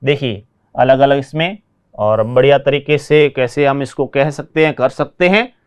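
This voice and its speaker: A man teaching English vocabulary in a classroom lesson, repeating word pairs slowly and explaining them in Hindi. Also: mid-range voice, clean tone.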